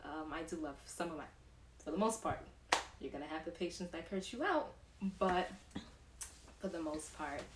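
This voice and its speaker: Brief: young woman, low voice, chatty nurse host, roomy echo, sits back from the mic, faint hiss. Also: normal speed, pauses often. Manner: chatty, animated when acting out patients. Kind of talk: casual chat answering questions. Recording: echoey room, distant mic, faint noise.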